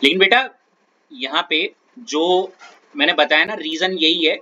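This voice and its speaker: A man's voice: sits high, sharp tone, highs cut off. A male chemistry teacher giving a classroom lecture in a coaxing way, often checking that the student follows.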